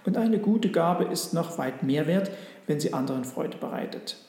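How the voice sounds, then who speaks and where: A man's voice: fairly high pitch, animated, moderate pace, creaky, a little mellow. A man voicing Josef, a kind and generous father, in a storybook reading. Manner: friendly, generous. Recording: roomy echo.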